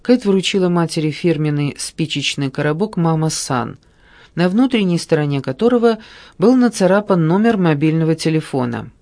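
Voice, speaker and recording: A man narrating an audiobook in an even, measured storytelling manner. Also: fairly high pitch. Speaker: audiobook reader. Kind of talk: scripted narration.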